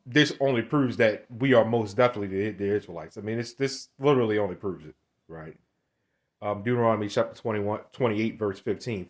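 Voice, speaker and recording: Rambling young man in his twenties. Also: fairly low pitch. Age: 20s. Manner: rambling, stammers and repeats words, street slang. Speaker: online commentator. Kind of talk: casual monologue on scripture.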